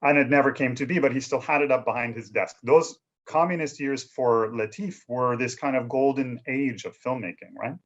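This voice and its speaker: A man's voice: medium pitch, fairly even intonation, moderate pace, hardly any pauses. Man telling stories, muffled sound. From Canada. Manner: conversational, leans on "you know" and "right?". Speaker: filmmaker guest. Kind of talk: relaxed storytelling interview.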